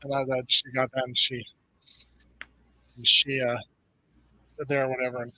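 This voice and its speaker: A man's voice: mid-range voice, moderate pace, no echo, low-quality recording. A middle-aged man from the United States hosting a casual movie watch party chat, telling stories animatedly. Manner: animated storyteller, acts out quoted voices.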